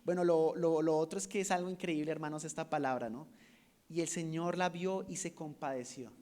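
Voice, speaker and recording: A man preaching a sermon to a congregation, asking rhetorical questions and swinging between loud emphasis and hushed asides. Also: fairly high pitch, fairly even intonation, a little fast.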